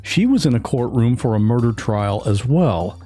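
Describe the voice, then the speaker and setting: Podcast host guy, mellow warm voice, chatting straight to the listeners, faint music behind. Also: mid-range voice, expressive, normal speed, husky. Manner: direct, casual address to listeners. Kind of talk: interview and scripted outro.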